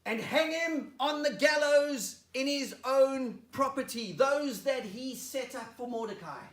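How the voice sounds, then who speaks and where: A man preacher voicing an outraged ancient king who shouts his commands. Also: very high voice, a little slow, pitched above the performer's own voice. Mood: commanding. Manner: shouting, indignant. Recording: roomy hall, mic at a distance.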